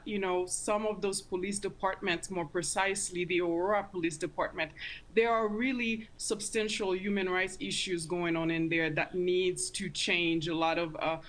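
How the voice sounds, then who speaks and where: A woman speaking as an interview guest, giving earnest, deliberate commentary and stressing her points. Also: medium pitch, fairly bright tone. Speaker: interview guest, community advocate.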